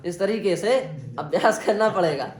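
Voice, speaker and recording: A man's voice: high voice, moderate pace, crowd noise. Guy teaching a class, going over pronunciation and making students repeat, echoey room with people around. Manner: drills students on pronunciation, asks them to repeat. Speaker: Sanskrit grammar teacher. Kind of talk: classroom lesson. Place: indoor classroom.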